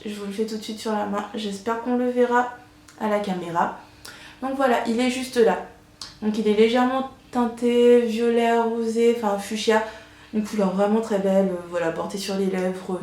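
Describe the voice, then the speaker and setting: A woman's voice: medium pitch, darkish tone. Chatty woman in an echoey room. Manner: chatty, enthusiastic, many fillers. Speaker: beauty vlogger. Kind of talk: casual haul video.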